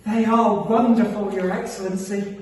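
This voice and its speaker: A man's voice: high-pitched, steady tone, normal speed, a little mellow, close to an everyday voice. A man reading a stage play from a script as a meek, cheerful landowner, effusive, flowery and deferential. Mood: rapturous. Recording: echoey hall from far off, faint noise.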